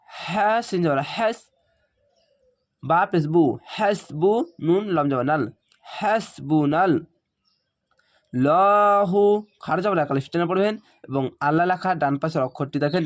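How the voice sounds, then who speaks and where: A fairly high-pitched man leads a Quran reading lesson. He sounds out syllables one by one, then rushes through his explanations in a relaxed, conversational way. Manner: spells out Arabic syllables slowly, then explains in quick conversational asides. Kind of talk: spelling-out recitation lesson.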